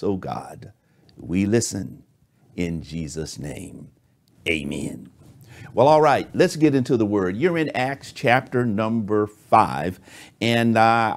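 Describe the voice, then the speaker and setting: An older man, a pastor, praying and teaching to camera in a slow, measured preaching cadence from a desk in a small study. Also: lowish voice, a little mellow. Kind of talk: prayer and sermon teaching to camera.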